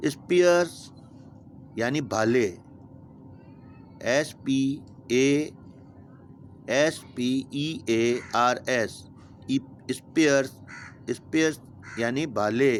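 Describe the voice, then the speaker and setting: A man's voice: mid-range voice, extremely slow, pauses often, slight background noise. A man teaching a vocabulary lesson to young pupils, patiently spelling each word letter by letter and giving its meaning. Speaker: school teacher.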